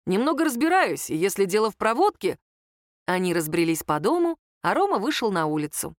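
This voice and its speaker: A woman reads a family story aloud with a lively, swinging pitch. Her voice sits close and dry, with no room around it. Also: a little fast, no room sound. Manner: shifts voice up for quoted characters. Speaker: audiobook narrator. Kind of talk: expressive audiobook narration.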